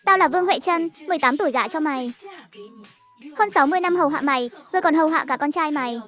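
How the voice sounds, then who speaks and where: Woman voicing a sharp-tongued old wife in a cartoon, high voice. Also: fast talker, soft background music. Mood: furious. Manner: shouting insults, scolding. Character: fierce elderly wife fighting back.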